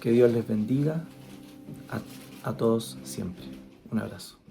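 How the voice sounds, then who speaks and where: A guest speaker gives an earnest devotional talk in a dark, gravelly voice of medium pitch. He speaks slowly and conversationally, restarting often, as soft music plays faintly underneath.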